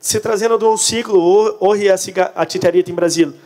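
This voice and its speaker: A man's voice: high-pitched, steady tone, brisk, a little mellow. A Brazilian man, a native Portuguese speaker, giving a presentation in portunhol, a mix of Portuguese and Spanish. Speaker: conference speaker on crop pest control. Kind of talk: presentation to an audience. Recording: echoey hall with long reverb.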